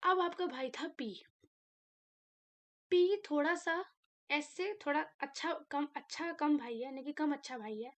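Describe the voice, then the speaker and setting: High-voiced woman teaching chemistry. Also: unhurried, long pauses. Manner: animated, asks and answers her own questions. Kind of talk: classroom lecture.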